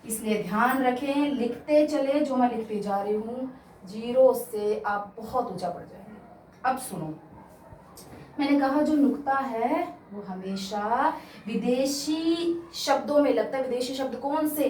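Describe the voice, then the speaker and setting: A woman's voice: fairly high pitch, measured pace, a little mellow, far from the mic, a little hiss or hum. Haryanvi woman teaching in an echoey room. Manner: emphatic, repeats key words, addresses listeners as children. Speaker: Hindi teacher. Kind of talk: exam-prep lesson to students.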